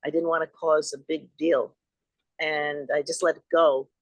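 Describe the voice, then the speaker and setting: A woman's voice: sits low, little pitch movement, measured pace, no room sound. An older woman from Long Island, a guest and author recounting personal experiences in an earnest, rambling way over a video call. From Long Island, New York. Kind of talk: storytelling in an interview.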